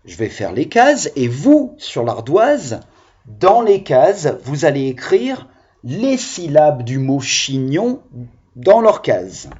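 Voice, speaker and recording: A man's voice: a little high, huge pitch swings, takes it slowly, darkish tone, highs cut off. A male primary school teacher giving a video phonics lesson to young children, patiently sounding out syllables.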